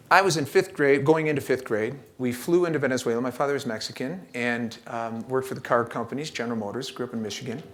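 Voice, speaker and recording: Middle-aged man, joking keynote speaker. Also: mid-range voice. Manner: relaxed, joking, storytelling with frequent fillers. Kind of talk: conversational keynote talk with storytelling. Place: church event space.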